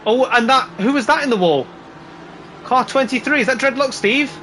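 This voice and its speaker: A man doing live motorsport commentary, calling the race play by play in an excitable, exclaiming way. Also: extremely high pitch, normal speed, a little hiss or hum. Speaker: motorsport commentator on a sim racing broadcast.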